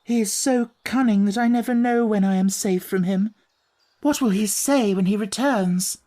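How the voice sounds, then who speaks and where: A man voicing an anxious, polite young gentlewoman, speaking earnestly in an audiobook story. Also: high voice, moderate pace, pitched above the performer's own voice, lightly acted. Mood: frightened.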